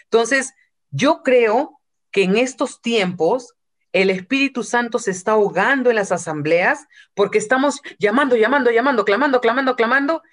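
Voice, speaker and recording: A woman's voice: fairly high pitch, normal speed. A woman preaching a sermon from Peru, retelling a story and acting out quotes, with some English phrases.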